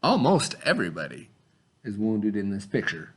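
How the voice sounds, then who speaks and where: A man with a somewhat low voice reads aloud at a normal speed, like a teacher. He's expressive and instructive, asking questions and giving simple explanations for pupils.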